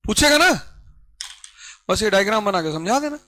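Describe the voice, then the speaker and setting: High, bright-voiced male teacher. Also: moderate pace, rough recording. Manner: animated, urging students, mixes English phrases. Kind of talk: classroom history lecture.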